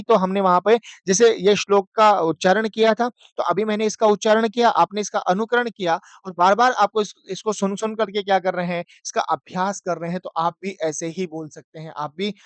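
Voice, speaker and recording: A man teaching an exam-prep language class, asking questions and answering them himself, chanting verses slowly. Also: sits high, steady tone, dry recording.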